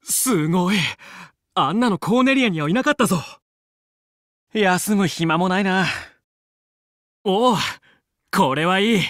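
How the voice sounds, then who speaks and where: A man playing a young, confident fox space pilot and team leader in a video game, brisk, determined and commanding yet friendly. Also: high-pitched, a bit bright, dry recording, studio quality. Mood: focused, confident. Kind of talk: Japanese video game voice acting.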